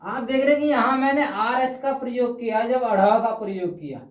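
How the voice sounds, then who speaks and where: A man teaching a language lesson who explains patiently, slows down to repeat words and keeps checking in with his students. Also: extremely high pitch, recorded from a distance. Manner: patient, repeats words slowly, checks in with 'ठीक है' often. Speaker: Hindi teacher. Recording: roomy, dull sound from off-mic.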